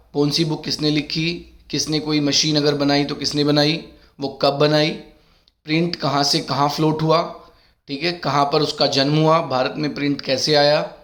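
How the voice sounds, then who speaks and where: A middle-aged man with a sore throat teaches an exam-prep class in a mix of Hindi and English. His voice sits a touch higher than most men's, and he reads each question slowly, warmly calling his students beta.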